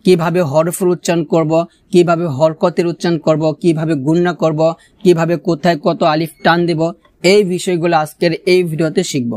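A man with a Bangladeshi Bengali accent teaching Quran pronunciation, explaining quickly and then drawing out each recited word slowly. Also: a little high, little pitch movement, darkish tone, no room sound, studio quality. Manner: alternates quick explanations with slow, drawn-out recitation.

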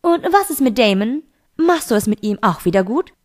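A probing teenage boy, as a woman reader puts him on in a homemade audiobook. He presses his questions in a pointed, insistent way, the voice sitting a little high. Nothing much changes it from the reader's own voice. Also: very animated, normal speed. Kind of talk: amateur audiobook reading.

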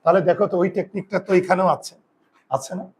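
A man teaching a classroom spelling lesson in a husky, fairly high voice. He goes through each point step by step, puts questions to the class and answers them himself, with no hurry in his delivery. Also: fairly even intonation, fast talker, a little mellow. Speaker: Bengali grammar teacher.

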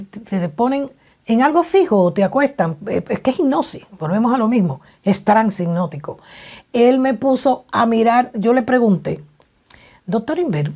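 A woman psychologist giving advice, telling personal stories in an animated, emotional way with frequent restarts. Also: medium pitch, slightly rough. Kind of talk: personal storytelling advice talk.

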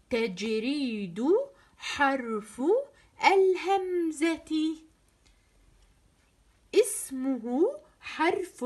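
Woman, children's teacher, slow and slightly high voice, drills letter sounds over and over, encouraging. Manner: praising, encouraging. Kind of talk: children's phonics lesson.

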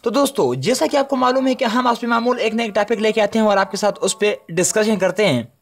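Man, Pakistani Urdu accent, English teacher, casual lesson, chatty, repeats letters slowly. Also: high voice. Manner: addresses viewers as friends, chatty.

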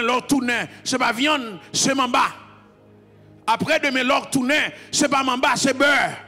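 A man with a Haitian accent preaching a sermon as pastor, mixing Creole into French and calling on the congregation to repeat after him until he is shouting. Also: extremely high pitch, husky, in a large hall. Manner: mixes Creole into French, call-and-response, builds to shouting.

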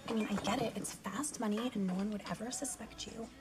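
An actress playing a breezy, scatterbrained young adult daughter with a drawn-out way of talking in a sitcom. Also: female voice, medium pitch, fairly even intonation, over music, lightly acted. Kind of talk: sitcom acting.

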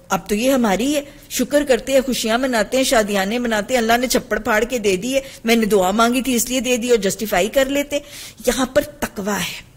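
Woman, Pakistani Urdu accent, somewhat high pitch; emphatic, earnest religious teacher reading and explaining hadith. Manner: earnest, emphatic, mixes English phrases into her teaching. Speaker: Islamic teacher giving a hadith lesson.

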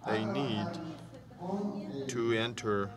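A man giving a conference presentation, speaking slowly and haltingly with many pauses. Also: fairly low pitch, level tone, a crowd in the background.

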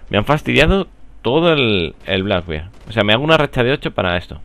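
A young man with a Spanish accent from Spain, rambling and joking through live gameplay commentary, with sudden excited outbursts. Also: lowish voice, fairly quick, creaky. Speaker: gaming commentator.

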